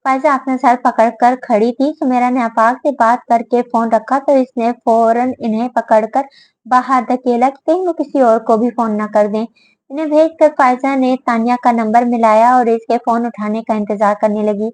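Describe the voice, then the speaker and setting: High-voiced woman narrating a novel. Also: normal speed, no echo, low-quality recording. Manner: steady storytelling delivery. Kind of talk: scripted audiobook narration.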